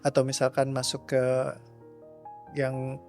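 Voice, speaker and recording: Young man, casual rambling coach talk, mid pitch, faint music underneath. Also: slow. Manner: relaxed, rambling, mixes English words into speech. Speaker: trauma release coach. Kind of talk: casual interview answers.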